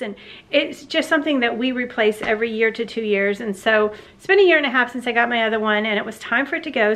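Southern american lady in her 40s chatting away at her living room, lots of ums and restarts, voice a bit on the high side. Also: a bit bright. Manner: chatty, rambling with many fillers and restarts. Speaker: home vlogger. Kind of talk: casual chat. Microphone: handheld camera at arm's length.

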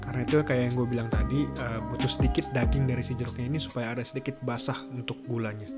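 A young man in his twenties giving a casual, chatty cooking tutorial in a home kitchen, filmed by a camera at a distance. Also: medium pitch. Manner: relaxed, chatty, drawn-out words. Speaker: cooking vlogger. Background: loud music.

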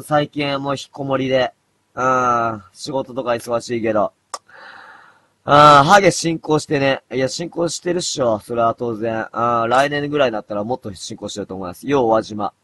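A man in his thirties chatting casually on a late-night live stream, mumbling low and then breaking into loud, rough outbursts. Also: moderate pace, dry recording. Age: 30s. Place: dim room at home.

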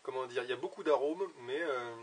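A man's voice: medium pitch, brisk, breathy edge, far from the mic. A man talking with a pipe in his mouth, hesitant, as he reviews a pipe tobacco in a casual vlog. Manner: hesitant, many fillers and restarts. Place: indoors at home.

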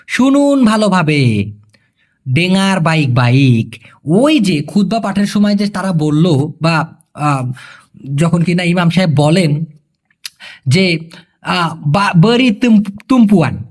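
A man giving a casual spoken language lesson, explaining words one by one and slowly repeating phrases, with chatty asides. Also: sits high. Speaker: language teacher.

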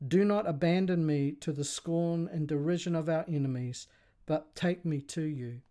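A man's voice: fairly high pitch, normal speed, mellow, lightly acted. A man reading the lines of a grieving, defiant mother of seven sons in a story told aloud. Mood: prayerful. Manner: pleading then defiant, read aloud.

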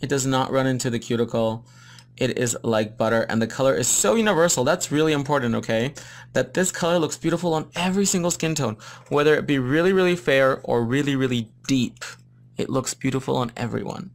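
A man's voice: mid-range voice, normal speed. A man hosting a live nail-art tutorial, chatting upbeat with viewers as he explains each step. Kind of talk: live-stream demonstration, mixing English and Spanish.

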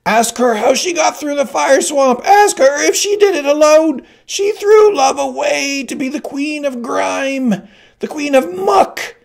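A man's voice: extremely high pitch, expressive, vocal fry, voice pushed up, heavily acted. A man voicing a withered, ancient old woman who rants bitter accusations in an audiobook. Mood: ranting. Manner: shrieking, accusing, drawn-out tirade. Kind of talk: audiobook character voice.

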